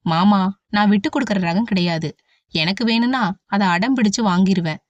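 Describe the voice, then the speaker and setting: A woman's voice: mid-range voice, moderate pace, no room sound, natural voice. A headstrong young woman who teases and knows her own mind, voiced by a woman narrator. The recording is dry and slightly dull. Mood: cheeky.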